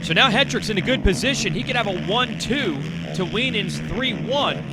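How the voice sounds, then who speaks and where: High-pitched male motorsport commentator over loud music. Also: moderate pace, creaky, poor audio. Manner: excited, emphatic race calling. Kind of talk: live race play-by-play commentary. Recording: loud music bed behind the voice.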